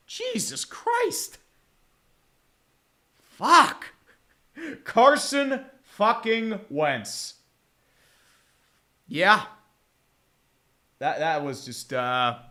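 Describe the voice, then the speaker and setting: Pushed and bright at a medium pitch, this man's voice carries casual live commentary on a football game. As a fan play-by-play streamer, he swears freely, calls the action, and keeps starting over in exasperation.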